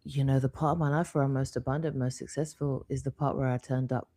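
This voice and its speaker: A man's voice: medium pitch, little pitch movement, fast talker, dark tone. A man co-hosting a spiritual live talk, telling a candid personal story with quoted asides. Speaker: co-host.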